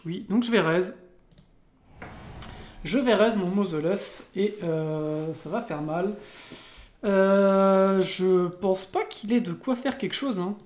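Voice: mid-range voice, a little mellow. A person with a French accent commentating their own online card game match casually, with many fillers and restarts. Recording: roomy, echoing room.

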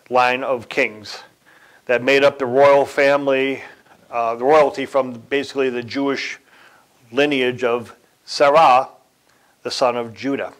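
A man giving a sermon in a deliberate way, pausing, correcting himself and chuckling now and then. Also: medium pitch, a bit bright, poor audio. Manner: slow, deliberate delivery with occasional chuckles and self-corrections. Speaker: church speaker.

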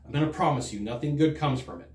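Speaking fast in a fairly high voice, a middle-aged man gives a sales training talk to a fixed camera, standing at a desk against a green screen in a reverberant studio. He stays animated and conversational, playing the part of customers.

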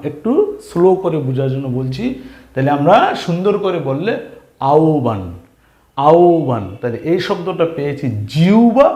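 A man teaches beginners to read, slowly drilling each letter and syllable and asking questions as he goes. His voice sits fairly high and swings up and down with animation. The recording carries a roomy echo. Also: darkish tone. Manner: slow, patient, repeats and drills syllables, asks questions. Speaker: Bengali reading teacher. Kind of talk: spelling lesson for beginners.

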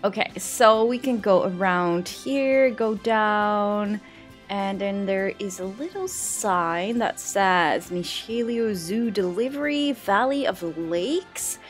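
A woman's voice: mid-range voice, animated, takes it slowly, faint music behind. A woman with a French accent, hosting her channel and narrating a game tour in a chatty, enthusiastic way, thinking aloud as she explores. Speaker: channel host. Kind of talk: upbeat game tour commentary.

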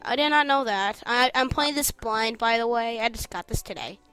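A woman's voice: a little high, moderate pace, sharp tone, clean tone, soft background music. A young woman chatting casually and blurting out reactions while playing a video game. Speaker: let's play co-host. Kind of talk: casual gameplay commentary.

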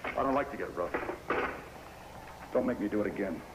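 Man playing a menacing fugitive businessman, clipped, guarded, low voice, old TV recording with hiss. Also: lively intonation, a little fast, lightly acted. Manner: clipped, guarded, quietly threatening. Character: hard, menacing male businessman on the run. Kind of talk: 1950s television drama acting.

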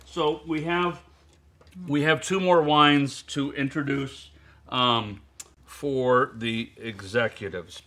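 Chatty guy hosting a wine tasting, bright voice, lots of ums and uhs, bit of faint noise. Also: medium pitch. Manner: rambling, many fillers and restarts, chatty. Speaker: wine presenter. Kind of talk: casual wine-tasting chat. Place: indoors at a zoo building.

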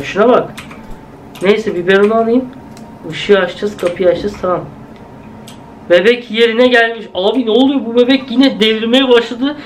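A high-pitched young man narrates a game as he plays, chatty and jumpy, often calling out to his viewers. Faint room noise sits behind his voice. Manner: chatty, jumpy, exclaims at scares, talks to viewers. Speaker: gaming video host. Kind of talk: casual let's-play commentary.

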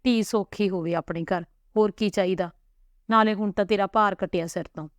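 A woman's voice: mid-range voice, steady tone, normal speed, no echo, clean studio sound, natural voice. A woman voicing a blunt, nosy older aunt who speaks plainly and pries. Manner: blunt, prying.

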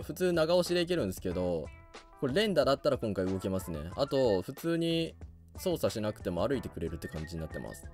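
A man giving let's play commentary on a video game, reacting loudly and laughing often. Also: mid-range voice. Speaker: gaming YouTuber.

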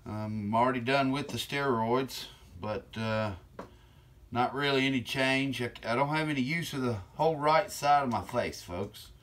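A man's voice: medium pitch, moderate pace, fairly bright tone. A middle-aged man with slightly slurred speech chats casually and unhurriedly while working with his hands in a workshop. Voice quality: slightly slurred from one-sided mouth weakness. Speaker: channel host. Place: cluttered indoor workshop. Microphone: camera on bench a step or two away.

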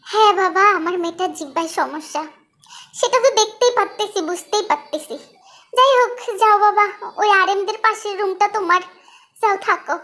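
A woman playing a village mother-in-law, bossy and coaxing, high-pitched, bright tone, fan voice drama. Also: brisk. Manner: scolding, then coaxing in dialect.

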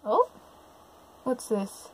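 A woman speaks very slowly, giving live, unscripted commentary as she reacts, exclaiming and gushing about what's unfolding. Music plays behind her, with slight background noise.

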